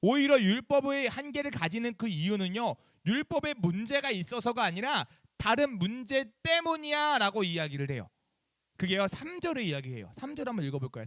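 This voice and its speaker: Lively high-voiced man preaching to teens. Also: brisk, dry recording, clean studio sound. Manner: animated, acts out phone calls and asks the kids questions. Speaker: youth pastor. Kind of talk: sermon to middle schoolers. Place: church chapel.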